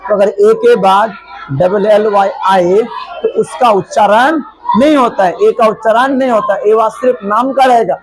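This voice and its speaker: A man teaching an English class, speaking loudly and repetitively, spelling words out letter by letter and often asking whether the students understood. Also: high voice, moderate pace. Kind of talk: classroom lesson. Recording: noisy classroom with chattering students.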